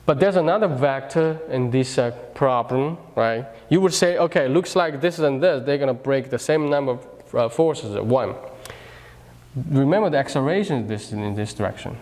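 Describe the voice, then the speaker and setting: A man's voice: mid-range voice, moderate pace, a little mellow, long reverb tail. A man lecturing a physics class, explaining step by step and often checking with "right?", with frequent restarts. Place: lecture hall.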